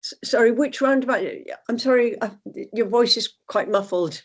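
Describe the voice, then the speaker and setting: A woman's voice: on the high side, normal speed. A woman giving spontaneous feedback at a meeting, polite and emphatic, repeating words as she makes her point.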